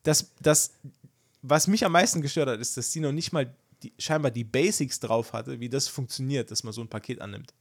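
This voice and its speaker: A man's voice: medium pitch, fairly quick, breathy edge, dry recording, studio quality. A young man co-hosting a casual podcast chat, telling a story with lots of energy and acting out the dialogue. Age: young adult. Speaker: podcast co-host.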